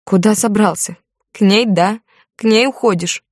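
A woman reading an audiobook, voicing a jealous, hysterical young wife in a raised, shrill voice. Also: normal speed, no room sound, clean studio sound, natural voice. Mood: furious.

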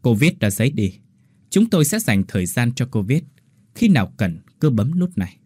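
A stern male military interrogator speaks measured and formal in a horror audio story, as a man voices him. His voice is dark and husky, recorded dry and close. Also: medium pitch, very animated, dry recording.

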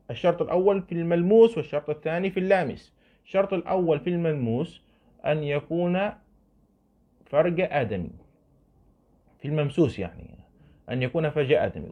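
Man teaching law over a thin, phone-like line. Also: on the high side. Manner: repeats points, asks students questions, demonstrates with his hands. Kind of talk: explaining a classical fiqh text. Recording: narrow phone-like band.

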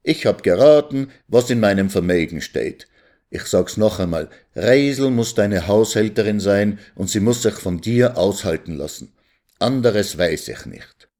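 Stern lecturing old lawyer, scolds loud and insistent, read by a man. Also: on the low side, animated, unhurried.

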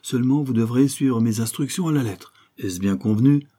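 Brief: a man playing a commanding detective, mellow and husky, dry and assured, storybook reading. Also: mid-range voice, moderate pace, natural voice. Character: calm amused male detective, cool and commanding.

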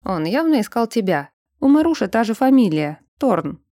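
A woman voicing a gruff sleepy werewolf man. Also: fairly high pitch, big pitch swings, normal speed, mellow, no room sound, studio quality. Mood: drowsy teasing. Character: gruff protective male werewolf, tired and teasing. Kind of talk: audiobook character voice.

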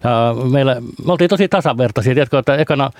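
A man's voice: medium pitch, no room sound. A man who is a stand-up comedian, a guest on a radio chat show, delivering dry joking lines. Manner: dry, joking, deadpan one-liners.

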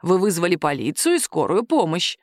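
A woman voicing a calm, caustic male police captain who questions a suspect slowly in an audiobook. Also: lowish voice, dry recording. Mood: dry. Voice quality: nagging, dry. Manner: slow, calm, measured interrogation.

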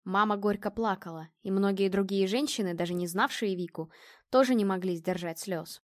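A woman narrating an audiobook in an expressive storytelling manner. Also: medium pitch, moderate pace, no room sound, studio quality. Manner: expressive storytelling, voicing characters.

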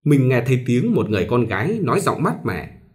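Expressive man narrating a novel. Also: mid-range voice, brisk. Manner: expressive storytelling. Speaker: audiobook narrator.

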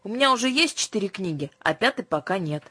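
A woman's voice: medium pitch, animated, quick pace, sharp tone, husky, dry recording, pitched above the performer's own voice. A woman reading an audiobook, voicing a spirited little girl who argues indignantly. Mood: curious. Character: spirited, touchy little girl shopping for books. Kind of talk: audiobook character voice.

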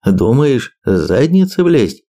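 A man's voice: mid-range voice, very animated, slow pace, dark tone, pitched above the performer's own voice. A man voicing a wisecracking, blunt male expedition leader who jokes and talks in slang in an audiobook. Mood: joking. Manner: joking, slangy, mocking.

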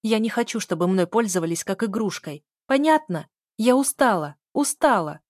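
A woman reading an audiobook voices a furious young woman, shouting bitter and sarcastic lines. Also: mid-range voice, animated, normal speed, no room sound, clean studio sound, pitched above the performer's own voice, close to an everyday voice.

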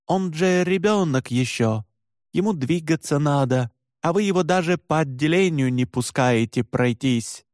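A stubborn young Finn who speaks slowly and deliberately, working hard at each sound, as a man voices him in an audiobook. He pitches slightly higher than the narration. The voice is dry and close to the mic. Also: animated, a little mellow, no room sound. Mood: pleading. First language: Finnish. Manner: slow, carefully articulated, stubborn. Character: stubborn young Finnish man, careful Russian.

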